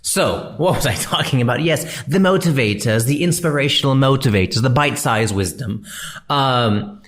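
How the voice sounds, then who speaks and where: A man's voice: medium pitch, expressive, normal speed, fairly bright tone. A man in his thirties hosting a podcast, talking casually and answering a listener in a chatty, slangy way. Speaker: podcast host and comedian.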